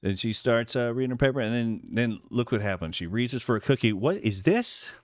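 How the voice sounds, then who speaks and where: A film composer breaks down his score, talking fast at a medium pitch as he casually walks through a short film's story. He voices the woman character's thoughts in playful quotes and laughs often, in a dry, studio-quality recording.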